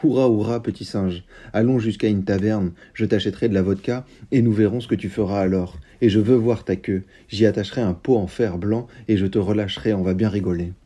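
A man voicing a naive, excitable young farmhand, loud and boisterous, in a read-aloud story. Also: lowish voice, fairly quick, hardly any pauses, natural voice.

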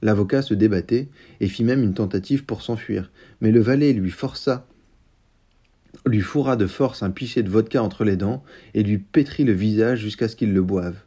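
Calm man with a dark, husky voice. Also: on the low side, normal speed. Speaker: book reviewer and reader. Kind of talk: literary review with read-aloud excerpt.

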